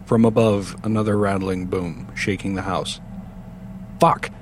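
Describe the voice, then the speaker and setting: A man reading a horror story aloud with steady, measured narration. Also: low-pitched, a little hiss or hum.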